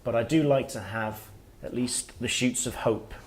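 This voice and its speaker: A middle-aged man, an author giving a workshop talk, speaking in a reflective, halting way as he thinks aloud. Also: mid-range voice, a little hiss or hum. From Wales. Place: workshop room with listeners.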